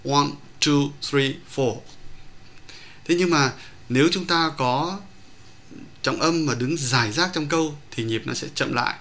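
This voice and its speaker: A man lecturing as a pronunciation teacher, explaining point by point in a measured way with occasional hesitations. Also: on the high side, a bit bright.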